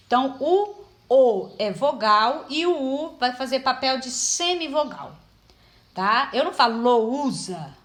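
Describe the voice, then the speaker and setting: A woman's voice: high voice, a bit bright. Patient woman teaching a class. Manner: patient, explains step by step, many fillers. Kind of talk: informal classroom lesson.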